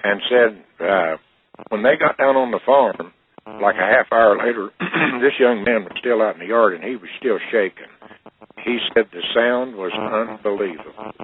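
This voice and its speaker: A man calling in to a talk show, telling a story in a plain, unhurried way over a crackly phone line. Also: fairly low pitch. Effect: crackly phone line with static. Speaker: call-in guest.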